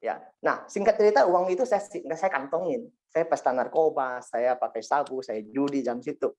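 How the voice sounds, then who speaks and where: A man gives a spoken testimony to a congregation, rambling through his story with frequent asides like "ya kan" and "singkat cerita". His medium-pitched voice has a darkish tone and a normal speed, captured in a dull lo-fi recording.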